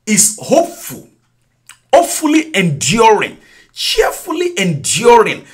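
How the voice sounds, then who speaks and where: A man's voice: high voice, wildly swooping pitch, measured pace. A male preacher teaching a sermon, repeating phrases emphatically with frequent laughs and praise.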